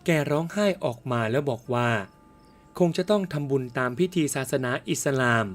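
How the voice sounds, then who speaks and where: A man telling a first-person ghost story in a steady, even storytelling manner. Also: a little high, normal speed.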